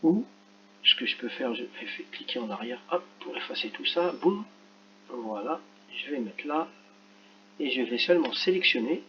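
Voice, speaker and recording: A male teacher correcting a reading exercise for children, talking slowly and carefully and spelling out each sound as he works. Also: mid-range voice, expressive, lo-fi sound, a little hiss or hum. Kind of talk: screen-recorded lesson correction.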